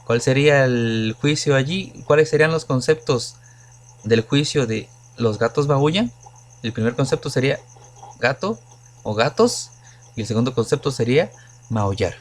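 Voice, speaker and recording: A man's voice: medium pitch, lively intonation, normal speed. A man teaching logic to his students, explaining patiently with many examples and questions to the class. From Mexico. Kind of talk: recorded lecture to students.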